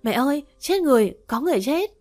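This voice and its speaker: A woman voicing a frantic young woman in a storybook reading, calling out loudly in panic. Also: sits high, expressive, fast talker, soft background music, voice pushed up. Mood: panicked shouting.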